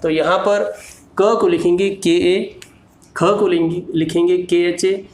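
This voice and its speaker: A man teaching a slow, patient lesson, spelling letters out one by one. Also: high voice, steady tone, a little mellow, roomy sound.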